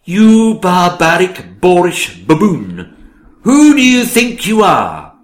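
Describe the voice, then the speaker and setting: A man's voice: mid-range voice, animated, slow, fairly bright tone. Pompous, greedy, swooping king. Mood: scornful. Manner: pompous, theatrical, relishing alliteration. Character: pompous, greedy, rhyming hungry king, lecherous and blustering. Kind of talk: theatrical rhyming comic drama.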